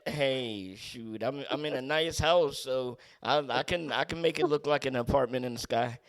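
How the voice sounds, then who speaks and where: A man hosting a casual talk show, animated and laughing often. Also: mid-range voice, moderate pace. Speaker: podcast host. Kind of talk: casual chat.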